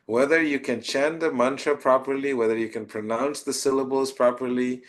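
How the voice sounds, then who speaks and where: A man, a spiritual teacher, answering a question by slowly telling a devotional story in a soft, tender way. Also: mid-range voice, steady tone. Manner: slow, tender storytelling with soft trailing phrases.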